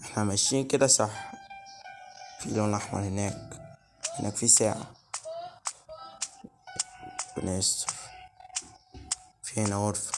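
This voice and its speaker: With a voice on the low side, this Egyptian gaming host plays a horror game at normal speed, leaving long pauses between nervous mutters. Now and then he yelps suddenly, while game music runs underneath.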